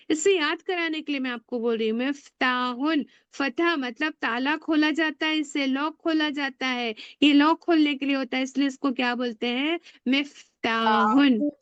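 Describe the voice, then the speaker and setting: A woman teaching a beginner Arabic class online, drilling words slowly and asking the class to repeat after her. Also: sits high, fairly even intonation, no room sound, lo-fi sound.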